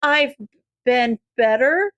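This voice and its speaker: A woman's voice: high-pitched, expressive, a bit bright, no echo, lo-fi sound, exaggerated voice. A woman voicing an anxious, guilt-ridden teenage boy who stammers and halts as he speaks. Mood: nervous guilt. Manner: stammering, halting.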